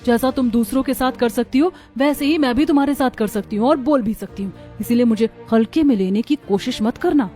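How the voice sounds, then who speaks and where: A woman voicing a bold, sharp-tongued young woman in a cartoon story, answering back defiantly. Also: a little high, brisk, hardly any pauses, faint music behind, natural voice. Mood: mocking.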